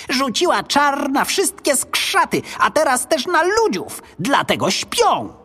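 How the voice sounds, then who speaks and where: A man narrating a children's story in a dramatic, expressive reading. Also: mid-range voice, slightly rough, no echo.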